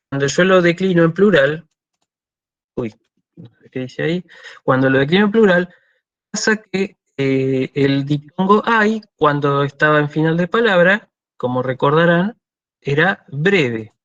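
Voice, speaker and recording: A man with an Argentine Spanish accent giving a university lecture, explaining patiently and often checking "¿sí?", slowing down to spell out forms. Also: fairly high pitch, fairly bright tone, no room sound, dull audio. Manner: explanatory, checks understanding with frequent "¿sí?"; slows to spell out Greek forms. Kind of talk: online lecture.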